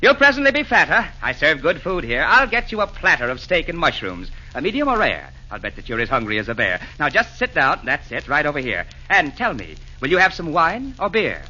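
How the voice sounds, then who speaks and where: A jolly, fussing old Santa Claus in a 1940s radio play. The voice is bright and forceful, swinging widely through hearty, theatrical rhymes. The old broadcast recording is dull and limited. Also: male voice, fairly high pitch, huge pitch swings, brisk, hardly any pauses, full character voice. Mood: hearty, hospitable. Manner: hearty, rhyming theatrical delivery.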